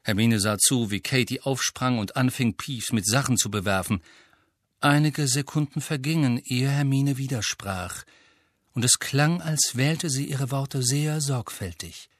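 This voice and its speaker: A man narrating an audiobook in a steady, measured reading. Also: medium pitch, no room sound, studio quality. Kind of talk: scripted narration.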